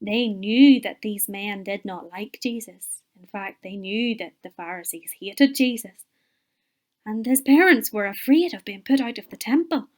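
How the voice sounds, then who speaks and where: A woman, a Sunday school teacher telling a Bible story to children with expressive, whispered moments. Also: mid-range voice, unhurried.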